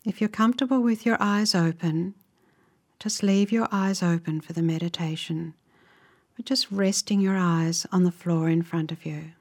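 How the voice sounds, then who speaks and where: A woman with a fairly low voice guides a meditation, calm, measured and instructive, letting her phrases end softly and breathily.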